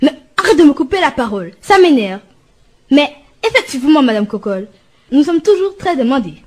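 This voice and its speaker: A woman's voice: sits high, big pitch swings, a little fast. A woman playing an irritable male twin who keeps squabbling with his brother in an amateur radio skit. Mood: irritated. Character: bickering male twin web worker.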